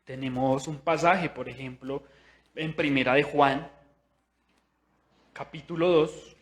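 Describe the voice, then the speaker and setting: A young man preaching a sermon in a church, chatty and animated, asking his listeners questions and acting out what people think. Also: mid-range voice, slow pace. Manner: conversational, with tag questions; animated, acts out inner voices.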